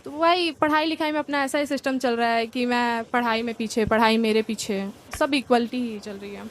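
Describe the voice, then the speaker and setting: A young woman from India, performing stand-up comedy and telling lively stories in which she acts out relatives and friends. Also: on the high side, normal speed. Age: young adult.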